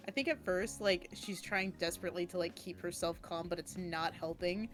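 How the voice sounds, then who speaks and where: A woman's voice: lowish voice, fairly even intonation, brisk, soft background music. A woman speaking as a player in a tabletop game, improvising role-play in a casual way.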